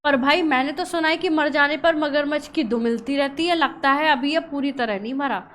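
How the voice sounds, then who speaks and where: A woman's voice: high voice, normal speed, fairly bright tone. A woman voicing a clever, wary male jackal. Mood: sly. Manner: sly, pretends to grieve. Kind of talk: reading a storybook play aloud.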